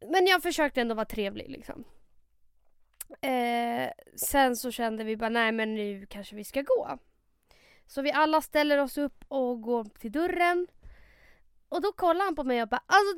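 Young woman podcaster, high voice, dry close mic, animated, swears a lot telling her story. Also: clean tone, no echo. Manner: animated storytelling, quoting others, swearing, laughing. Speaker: podcast co-host. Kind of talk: casual storytelling chat.

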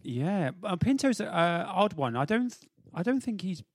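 A man's voice: sits high, measured pace, no echo, studio quality. A man co-hosting a football podcast, joking and teasing his co-host through casual banter. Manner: jokey, teasing, lively banter.

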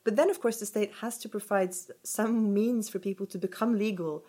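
Woman researcher on a podcast, mid pitch, lots of uh and sort of, thinking out loud. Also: fairly even intonation, fairly quick. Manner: thoughtful, many fillers and hedges. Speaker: researcher guest. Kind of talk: podcast interview.

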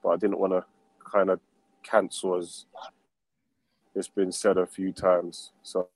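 A man speaking as a guest on a remote interview, in a measured, polite manner. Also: sits low, little pitch movement, a little mellow, dry recording. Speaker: team manager, show guest. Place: on a train, remote call.

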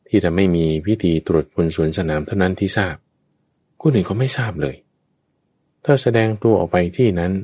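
Male preacher, very low voice, chatty storytelling sermon, dry close mic. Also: animated, brisk, darkish tone, slightly rough, no echo. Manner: addresses listeners directly, chatty asides. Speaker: Buddhist preacher telling a scripture tale. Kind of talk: storytelling Dhamma talk.

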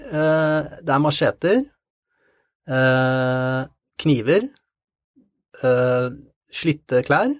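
A man telling a story in an interview, halting and repeating words with many fillers. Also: mid-range voice, no room sound, studio quality. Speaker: interview guest. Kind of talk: conversational storytelling.

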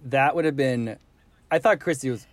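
A woman's voice: rumbling low, moderate pace. A woman co-hosting a podcast, talking animatedly and sounding incredulous, often laughing. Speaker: podcast co-host. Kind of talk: casual chat.

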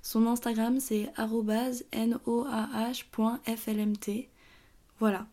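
A young woman hosting her own podcast, talking through her thoughts in a tired, halting way with many fillers and restarts. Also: a little high, little pitch movement, dark tone. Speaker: podcast host. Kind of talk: casual personal monologue.

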